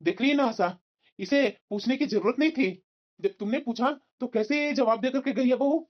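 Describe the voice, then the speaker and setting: A woman's voice: a little high, fairly quick, lightly acted. A woman voicing a stern older father-in-law in a cartoon, who lectures and disapproves. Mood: grumbling. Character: stern, grumbling older father-in-law, protective of his wife. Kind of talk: cartoon voice acting. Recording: slightly dull lo-fi audio.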